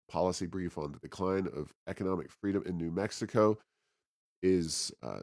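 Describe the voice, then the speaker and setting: Deep-voiced and darkish in tone, a male podcast co-host works through commentary and announcements in a relaxed, conversational, somewhat halting manner. The recording is very dry, with no echo at all.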